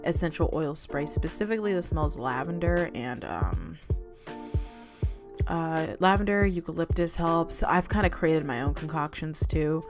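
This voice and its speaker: A woman's voice: low voice, unhurried, over music. A young woman talking casually to camera, rambling with many fillers and restarts. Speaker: vlogger. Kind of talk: casual confessional talk to camera.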